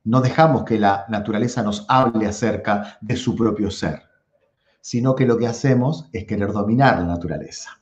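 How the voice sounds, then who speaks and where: A man with a Rioplatense Spanish accent, a philosophy teacher giving a lively lecture and speaking straight to his viewers, often repeating words to stress them. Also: fairly low pitch, moderate pace, echoey room, muffled recording. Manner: animated, addresses viewers directly, repeats words for emphasis.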